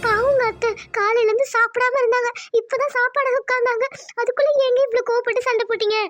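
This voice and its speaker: A woman's voice: very high-pitched, fairly even intonation, fast, over music. A woman voicing a meek young village wife who pleads politely and tearfully with her husband.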